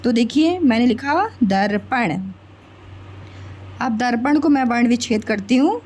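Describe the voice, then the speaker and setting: A woman's voice: a little high, measured pace, darkish tone. A woman teacher patiently explaining a grammar lesson to children step by step, often checking that they understand. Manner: addresses listeners as children.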